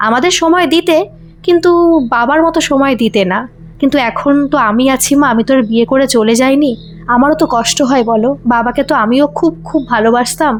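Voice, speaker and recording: A woman's voice: high-pitched, brisk, a little hiss or hum, natural voice. A woman voicing a grieving young adult daughter who speaks pleadingly and earnestly.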